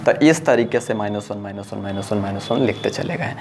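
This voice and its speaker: A man's voice: on the low side, a little fast, darkish tone, a little hiss or hum. A man teaching a blackboard math lesson. He talks patiently, repeating each step and urging listeners to pay attention.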